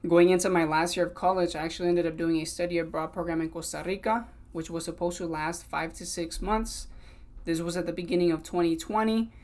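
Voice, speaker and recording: Fairly high-pitched and a little mellow, this man's voice holds a steady tone at a slightly fast pace. He's in his twenties, from Sacramento but also raised in Mexico, and speaks earnestly and conversationally on his solo podcast, moving between English and Spanish.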